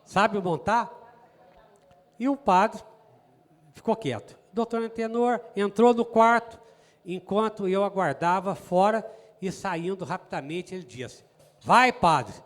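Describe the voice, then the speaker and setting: A man's voice: high voice, a little slow, long reverb tail. A man, a guest telling stories in a chatty, folksy way with many asides to his listeners. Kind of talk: storytelling in an interview.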